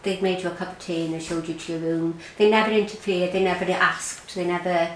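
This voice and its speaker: A woman's voice: lowish voice, level tone, a little fast. Irish woman talking through what happened to her, stops and repeats words, echoey room, faint hiss behind. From Ireland. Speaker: interviewee recounting her experience. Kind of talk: personal testimony in an interview. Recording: roomy echo, faint background noise.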